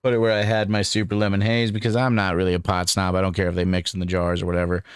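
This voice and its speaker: A man's voice: sits low, monotone, fast, smooth, no echo, clean studio sound. Laid-back young man reviewing on camera. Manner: laid-back and rambling, calls the viewer dude and man. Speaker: cannabis strain reviewer. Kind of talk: casual review vlog.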